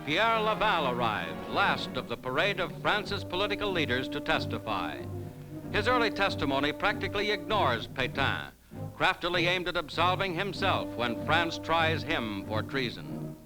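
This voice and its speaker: A man delivering 1940s newsreel narration in a brisk, emphatic announcer style, as on an old newsreel recording. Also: fairly high pitch, sing-song, low-quality recording. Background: loud music bed.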